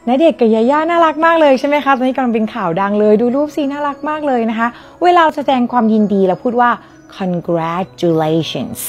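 A woman with a Thai accent teaching English vocabulary, friendly, saying each word slowly for the viewer to repeat. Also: sits high, lively intonation. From Thailand. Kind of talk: lesson on vocabulary.

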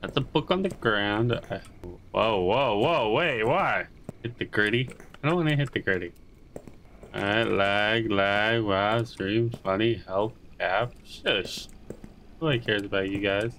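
A gaming channel host plays a horror game in a fairly bright voice, with a little hiss or hum on the audio. Jittery and rambling, he reads lines aloud, talks to the monsters, and jumps to high-pitched yelps when scared.

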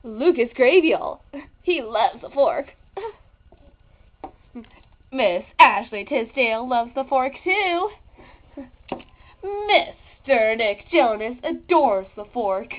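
A gushing hard-sell infomercial host, played by a woman, over-eager and easily flustered. She takes her time over her stammering sales patter in a very high voice. The sound is dull, lo-fi home video. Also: big pitch swings, extremely slow, long pauses, heavily acted.

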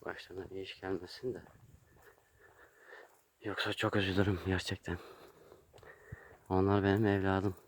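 A man's voice: deep voice, flat delivery, moderate pace, long pauses, slight background noise. A man talking casually to his animals in a doting, coaxing way, scolding them playfully. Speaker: vlogger with pets.

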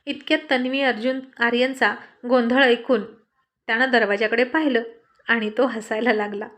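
A woman's voice: on the high side, a bit bright. Woman reading a family story aloud. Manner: reads every character herself in a light conversational tone. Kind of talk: scripted story narration.

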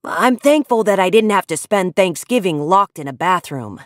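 A woman voicing a mischievous young schoolboy who worries easily and calls out high and loud. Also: lively intonation, moderate pace, no echo, clean studio sound, natural voice. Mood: earnest.

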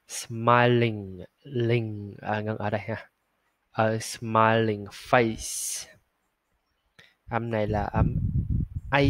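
A man leads an English pronunciation lesson, pausing on fillers and drawing each model word out very slowly. His voice sits at an ordinary middle pitch. The sound is dry and close, with almost no room echo. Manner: slow, drawn-out model words, frequent filler "à". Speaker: English teacher.

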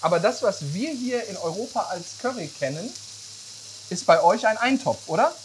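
A man's voice: sits high, animated, moderate pace, a little hiss or hum. Chatty man chef asking questions. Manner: chatty, asks many questions, joking. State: sweating from spicy food. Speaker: chef hosting a cooking video. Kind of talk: casual cooking chat. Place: large professional kitchen indoors. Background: background music and sizzling pan.

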